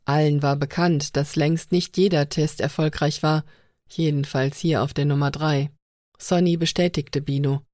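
A woman with a low voice reads an audiobook in a steady, even way. The recording is dry and close, with no room sound. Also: normal speed, dry recording. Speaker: narrator. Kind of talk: audiobook narration.

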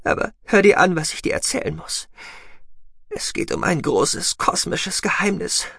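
A man voicing a dying young woman who speaks in a weak, breathy half-whisper. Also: high-pitched, very animated, moderate pace, sharp tone, dry recording, studio quality, pitched above the performer's own voice, full character voice. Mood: weak, pleading. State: weak and fading.

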